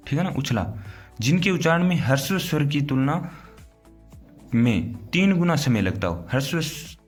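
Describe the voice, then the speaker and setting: A man teaching an exam-prep grammar lesson, explaining step by step and answering his own questions. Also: mid-range voice. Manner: explains step by step, often asks "theek hai na?"; asks questions, then answers them himself.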